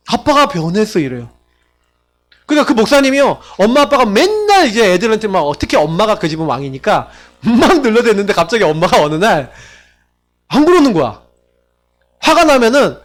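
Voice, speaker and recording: A man pastor preaching a sermon in a conversational way, asking his congregation rhetorical questions and acting out quoted family members. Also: high voice. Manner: acts out quoted family members in shifted voices.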